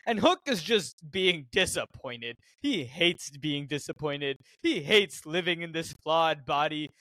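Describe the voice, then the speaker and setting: A man's voice: fairly high pitch, expressive, unhurried, bright, forceful tone, no room sound, clean studio sound. A young man co-hosting a casual movie podcast, laughing often and poking fun at his own slips. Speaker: podcast co-host. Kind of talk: casual movie-rewatch chat.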